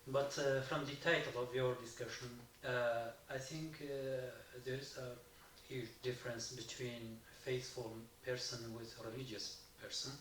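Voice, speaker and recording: A man from Iraq asks a halting question in English, his second language, pausing often and restarting his sentences. He is heard from a distance in a reverberant hall. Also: medium pitch, steady tone, a bit bright. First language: not English. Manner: halting, many pauses and restarts. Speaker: audience member asking a question. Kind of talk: hesitant question from the floor. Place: university lecture hall. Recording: echoey hall, far from the mic, faint noise.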